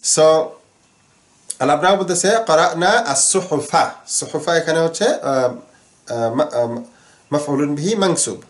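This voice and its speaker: A man teaching Arabic grammar in Bengali, explaining slowly with many fillers and repeated words. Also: on the high side, echoey room.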